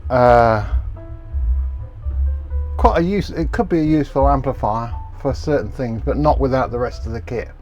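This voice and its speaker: A man's voice: medium pitch, normal speed, a little mellow, muffled recording, faint music behind. A man hosting a repair video, chatting casually as he works at the bench and laughing at his own mistakes. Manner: chatty, self-mocking, laughs at himself. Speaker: electronics repair video host. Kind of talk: casual workbench narration.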